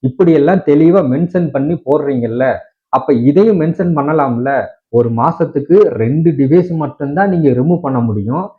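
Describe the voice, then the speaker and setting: Indignant and argumentative, this male tech video creator from Tamil Nadu, India, fires rhetorical questions at his viewers in a Tamil Nadu accent. He talks at a normal speed in a slightly high voice, and the audio is narrow and tinny.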